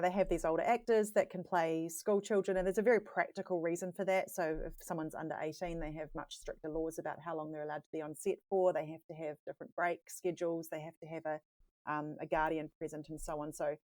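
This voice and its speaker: A woman guest on a podcast talks things through thoughtfully, with frequent fillers. Her voice is fairly low, and the recording is dry and close. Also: fairly even intonation, fast, a little mellow, dry recording. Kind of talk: casual podcast chat.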